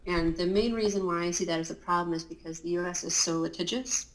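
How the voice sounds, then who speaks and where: A woman's voice: on the low side, fast. Fields: Woman, guest, roomy-sounding call. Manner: chatty and explanatory, with many fillers and laughs. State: just woken, morning voice. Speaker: guest, Amazon compliance consultant. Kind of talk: casual interview talk. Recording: roomy echo.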